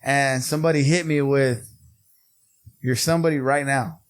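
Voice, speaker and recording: A man's voice: medium pitch, steady tone, moderate pace. A man telling personal stories as a podcast guest, blunt and slangy, swearing freely. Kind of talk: casual personal storytelling.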